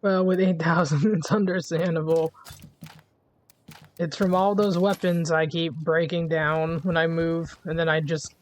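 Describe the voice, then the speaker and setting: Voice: medium pitch, level tone, a little slow. A streamer giving casual, jokey commentary while playing a game, easygoing and laughing often.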